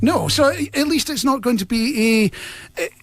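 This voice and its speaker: A man's voice: extremely high pitch, expressive, moderate pace, no echo. A man with a thick Scottish accent, chatting on the radio in a jokey, self-deprecating, bantering way. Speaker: new radio presenter, guest in studio. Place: radio studio.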